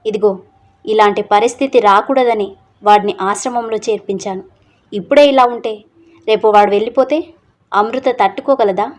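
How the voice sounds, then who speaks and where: A woman's voice: mid-range voice, normal speed, pauses often, natural voice. A woman voicing a troubled young father who speaks in a worried, questioning way.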